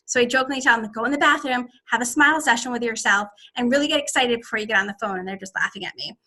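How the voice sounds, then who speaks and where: A middle-aged woman casually giving advice to her sales team, animated, often acting out excited voices. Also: on the high side, very fast. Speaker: direct sales team leader.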